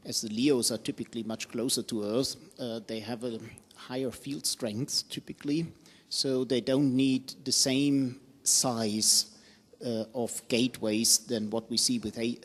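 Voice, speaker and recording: Male panelist explaining, hall reverb. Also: mid-range voice. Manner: explanatory, hesitant with fillers. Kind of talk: technical panel discussion.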